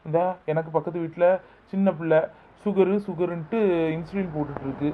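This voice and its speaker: A man's voice: on the high side, brisk, a little hiss or hum, natural voice. Man playing a soothing son-in-law, phone-like sound. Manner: soothing, reasoning. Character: young son-in-law, calm and comforting. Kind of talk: amateur family skit.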